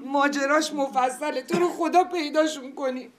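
A woman's voice: high voice, close to an everyday voice. An actress playing an anxious, affectionate young woman in a TV series. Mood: pleading. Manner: pleading, emotional.

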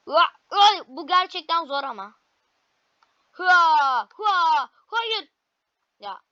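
Excitable high-voiced woman gaming. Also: no echo, dull audio. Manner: excitable, frequent frustrated cries and cheers. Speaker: gaming video creator. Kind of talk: gameplay commentary.

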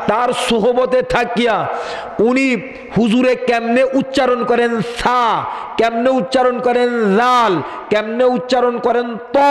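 Male preacher, very high voice, rhetorical questions, sing-song chanting, echoey hall, long reverb. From Bangladesh. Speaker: Islamic preacher. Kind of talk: sermon.

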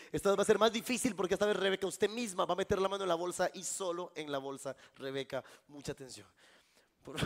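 Joking Costa Rican stage magician. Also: male voice, a little high, a bit bright. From Costa Rica. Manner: playful, joking, addresses a volunteer and crowd. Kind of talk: live stage magic show patter. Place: live event before an audience.

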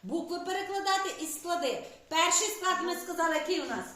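High bright teacher in an echoey classroom. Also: female voice, expressive, brisk. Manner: patient, repeats pupils' answers and asks guiding questions. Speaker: primary school teacher.

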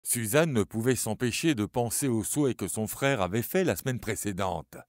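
Expressive male story narrator. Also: on the low side, moderate pace, no room sound, studio quality. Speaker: audiobook narrator.

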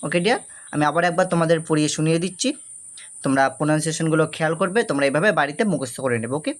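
Low-voiced woman teacher drilling letters. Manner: repeats prompts and drills letters slowly; mixes English words into speech. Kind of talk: teaching lesson to students.

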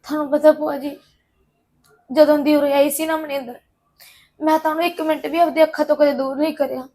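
A woman's voice: sits high, fairly even intonation, brisk, dark tone, close to an everyday voice. A woman playing an anxious young wife. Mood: worried. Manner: anxious, pleading. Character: worried young married woman, caught between family. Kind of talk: Punjabi drama acting.

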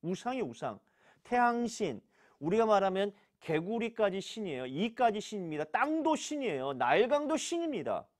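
A man's voice: high-pitched, big pitch swings, moderate pace. A man, a pastor, teaching a church Bible class. He asks questions and answers them himself, and repeats key words for emphasis.

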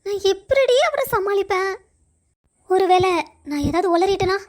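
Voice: very high voice, animated, moderate pace. A woman voicing an anxious young woman student in a cartoon story, talking to herself in a fretful ramble. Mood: worried. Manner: fretful inner monologue, rambling.

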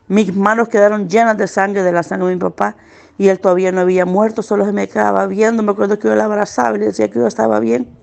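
A middle-aged woman recounts what she witnessed in a low, gravelly voice. Her pitch sits in an ordinary middle range. She tells it earnestly and with pain, and her pace drags where the memory is hardest. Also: darkish tone. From El Salvador. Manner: earnest, pained recounting, slowing at hard moments. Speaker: witness giving testimony. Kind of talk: personal testimony.

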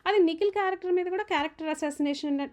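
A woman giving an opinionated, emphatic recap of a reality show argument. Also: very high-pitched. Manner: fast, animated, emphatic, retelling arguments.

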